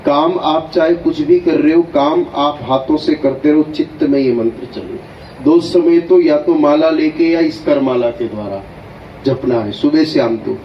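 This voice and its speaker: A man acting as a guru at an initiation ceremony, giving slow, deliberate spiritual instruction and often checking that listeners follow. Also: on the high side, a little hiss or hum. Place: hall at an initiation gathering. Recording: echoey, dull, distant hall recording.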